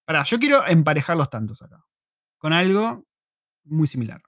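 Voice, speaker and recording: A man's voice: fairly high pitch, moderate pace, dry recording, clean studio sound. A young adult man with a Rioplatense Spanish accent, co-hosting a casual podcast and telling stories with a joking tone. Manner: animated, joking storyteller, frequent laughter. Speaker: podcast co-host.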